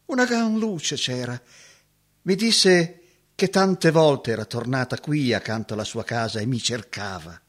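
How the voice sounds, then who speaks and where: An actor playing a heartbroken former woodsman, moving from hushed remembering to anguished cries. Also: medium pitch, animated, measured pace. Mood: mournful. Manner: emotional, swinging from hushed recollection to anguished cries. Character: heartbroken former woodsman haunted by lost love. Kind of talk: dramatic acting.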